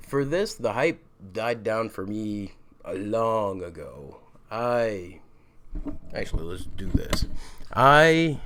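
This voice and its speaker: A man's voice: fairly low pitch, dry recording. A man who is sick, ranting bluntly and casually about a show as a vlog host, swearing freely. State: sick, rough voice. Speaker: vlogger host.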